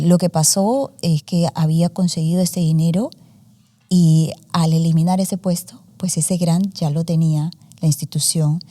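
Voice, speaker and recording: A Spanish-speaking woman in her forties, a student journalist, talks through her story in a casual interview full of fillers and sprinkled with English words. Her voice is on the low side with a dark tone.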